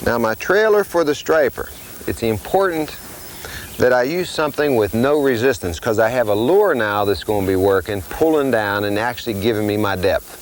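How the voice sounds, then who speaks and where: A man's voice: mid-range voice, animated, moderate pace, a little hiss or hum, rough recording. An older man, a fishing instructor, explains step by step in a plain hands-on tutorial while he ties rigs.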